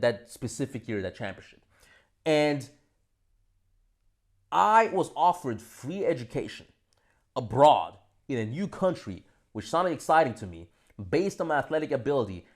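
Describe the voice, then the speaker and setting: Addressing the camera in a mid-range voice, a young Austrian vlogger rambles through a lively, casual monologue. Swearing comes often, and his volume jumps between loud bursts and soft asides.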